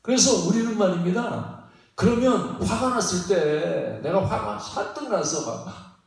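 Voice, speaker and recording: Lively pastor preaching in an echoey church. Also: male voice, high voice, unhurried, creaky. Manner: folksy, repetitive, often prods the congregation with "예?"; chuckles between phrases. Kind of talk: sermon. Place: church sanctuary. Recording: very echoey hall, mic at a distance.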